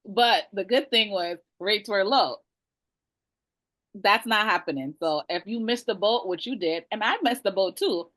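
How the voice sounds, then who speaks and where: A woman with a Jamaican accent, a realtor, speaks on a webinar panel over a video call. Her voice is mid-range and her pace measured, with no echo, and she comes across as blunt, animated and colloquial.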